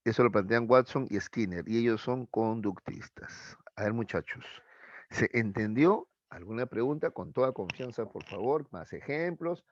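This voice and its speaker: A man's voice: medium pitch, expressive, moderate pace, no echo. Male teacher, patient explainer, constant check-ins, dull dry recording. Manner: explains with examples, keeps checking with a tag question. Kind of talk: live online class lecture. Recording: dull, muffled dry sound.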